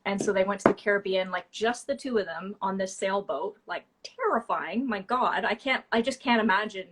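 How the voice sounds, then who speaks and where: A woman's voice: mid-range voice, normal speed, a bit bright, husky. A woman from Toronto, a guest in an interview, telling a story in a rambling, chatty way with fillers and laughs. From Toronto, Canada.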